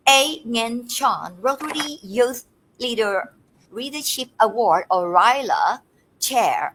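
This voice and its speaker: A woman hosting a formal panel, asking questions and presenting guests in measured, short phrases. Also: fairly high pitch, a bit bright, poor audio. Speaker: host.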